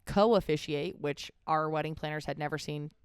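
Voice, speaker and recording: A woman chatting casually as a co-host, pausing to search for words and correcting herself as she goes. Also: sits low, smooth, no echo, studio quality. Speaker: podcast or vlog co-host. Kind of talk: casual chat about their own wedding.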